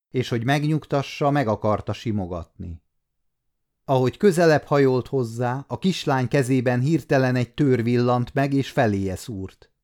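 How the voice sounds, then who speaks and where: A man in his fifties reading a novel aloud as an audiobook narrator, calm and measured. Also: medium pitch. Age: 50s. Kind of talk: scripted narration.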